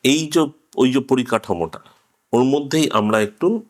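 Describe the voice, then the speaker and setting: In an interview he is conducting, a man puts his case in a loose, conversational way, breaking off into brief, halting fragments. His voice is mid-range.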